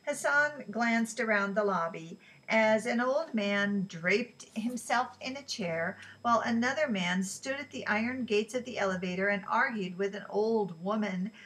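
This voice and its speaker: Woman reading a novel aloud, relaxed, stumbles and corrects herself, mid-pitched. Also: measured pace, hardly any pauses, rough recording. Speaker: reader.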